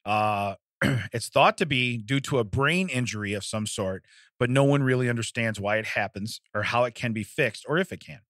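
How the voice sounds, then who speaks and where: This podcast co-host talks at a normal speed in a medium-pitched, fairly bright voice, captured dry on a studio microphone. He's a man chatting casually on a comedy show in the studio, frequently laughing and wandering off-topic as he reads out the news.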